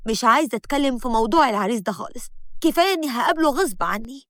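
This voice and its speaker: A woman's voice: a little high, lively intonation, rapid-fire, a bit bright, dry recording. A woman voicing an irritated, resentful young woman with an Egyptian accent. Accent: Egyptian Arabic. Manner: agitated complaining.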